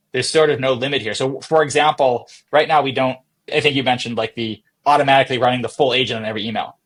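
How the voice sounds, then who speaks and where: On a conversational podcast, a male tech startup CEO talks through his ideas informally, using examples and putting questions to himself. His voice has a medium pitch and a fairly bright tone.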